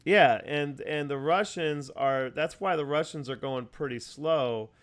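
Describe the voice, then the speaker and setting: A man with a somewhat high voice and measured pace hosts an informal chat on a video call. His lengthy explanations are full of fillers and restarts, and the audio comes from a video call mic.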